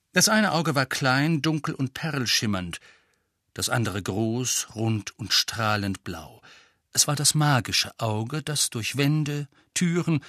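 A man reading a story aloud in an expressive, animated narration, voicing each character. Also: medium pitch, dry recording, studio quality. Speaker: audiobook reader.

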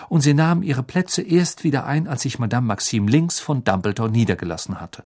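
A man reading a storybook aloud with expressive, lively narration. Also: mid-range voice. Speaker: audiobook narrator.

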